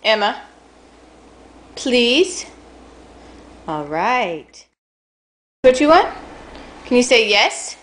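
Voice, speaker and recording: A young mother at home, speaking slowly and patiently to her toddler. Her pitch rises and falls in a lively sing-song as she repeats short questions and praise. The style is a home video of a parent coaching a small child. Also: poor audio. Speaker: mother teaching her toddler baby sign language.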